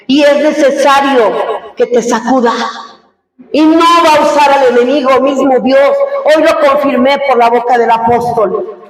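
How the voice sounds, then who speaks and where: Middle-aged female pastor, emotional testimony style with rhetorical questions; long hall reverb. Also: high voice. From Mexico. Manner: emotional, asks the congregation many rhetorical questions. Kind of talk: church testimony to a congregation. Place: large church hall. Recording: echoey hall heard from far off.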